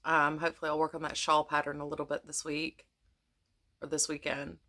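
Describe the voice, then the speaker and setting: A woman's voice: low voice, monotone, fairly quick, sharp tone. Chatty woman with a fading voice. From United States. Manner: rambling, many ums and restarts. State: losing her voice. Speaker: crafting vlogger. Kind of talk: casual chat to camera.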